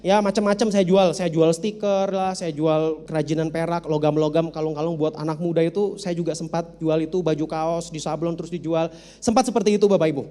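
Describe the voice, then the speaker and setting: A man's voice: on the high side, steady tone, a little fast, mellow. A man giving a storytelling seminar talk as a motivational speaker, humorous and speaking straight to his audience. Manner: humorous, addresses the audience directly. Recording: reverberant hall.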